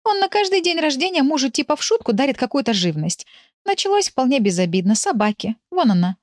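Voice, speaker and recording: A woman's voice: high-pitched, big pitch swings, fairly quick, no room sound, studio quality, pitched above the performer's own voice. A woman reading an audiobook, voicing a talkative, flustered village woman who keeps complaining about her pets. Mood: exasperated. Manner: exasperated, chatty, complaining. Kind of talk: audiobook character voice.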